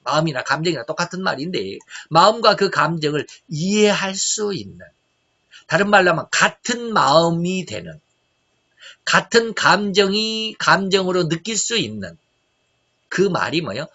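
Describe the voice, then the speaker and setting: A middle-aged man preaching a sermon, asking rhetorical questions and swinging between loud and soft. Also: high voice, big pitch swings, normal speed. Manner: emphatic preaching, rhetorical questions, shifting loudness. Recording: dull lo-fi recording.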